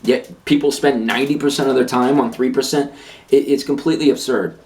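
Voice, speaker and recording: A man's voice: mid-range voice, fairly even intonation, fairly quick, a little mellow, slight background noise. A man on a fitness channel, ranting to camera, blunt and emphatic, who hammers his points home by repeating them. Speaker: fitness vlogger.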